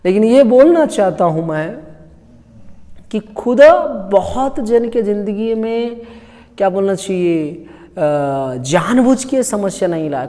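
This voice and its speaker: A man's voice: high-pitched, expressive, slow, mellow. A male pastor giving a casual, conversational sermon that keeps asking the congregation questions. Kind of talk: Hindi sermon. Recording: long hall reverb.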